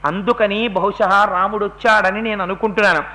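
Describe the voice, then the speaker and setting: A man's voice: high voice, steady tone, brisk, pushed and bright. A man voicing a proud demon king. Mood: brooding. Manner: boastful, commanding storyteller's quotation. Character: proud defiant adult male demon king.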